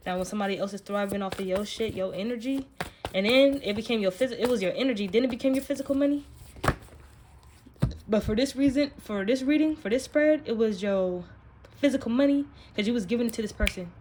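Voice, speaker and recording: A fairly quick, fairly high-pitched woman gives a casual spiritual card reading as a tarot channel host. Her delivery aimed at the listener is punchy, slangy and full of profanity, with some background noise.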